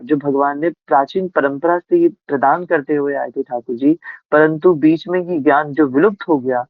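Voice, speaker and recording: A spiritual speaker with a slightly high voice gives a devotional discourse, telling a scriptural story and posing rhetorical questions to his listeners. The sound is tinny and phone-like, dry, with no room sound.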